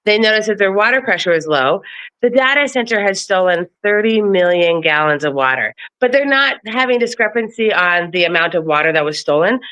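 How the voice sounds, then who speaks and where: Slightly dull lo-fi audio captures a political commentator ranting about local politics. She has a medium-pitched, sharp voice and keeps the casual chat blunt and full of profanity.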